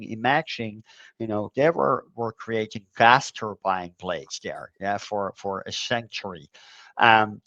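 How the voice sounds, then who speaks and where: A middle-aged man born in the Netherlands, chatting as an interview guest, with a halting way of talking full of fillers and repeated words. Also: on the low side, a bit bright, no echo, low-quality recording. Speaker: conference co-organizer, guest. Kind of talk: casual conversational interview.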